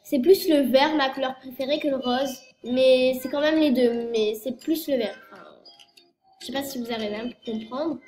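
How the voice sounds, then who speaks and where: Stuffed up from a cold, a young teenage girl from France vlogs in a rambling, casual way, correcting herself and filling gaps constantly. She's a youtuber with a high, darkish voice at normal speed, and the echoey room carries faint noise.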